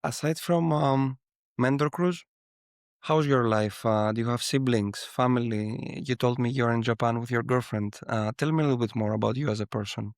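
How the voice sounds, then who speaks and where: A man's voice: mid-range voice, normal speed, no room sound, clean studio sound. A man from the Mediterranean region hosting an interview, asking curious questions with some fillers. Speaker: podcast host.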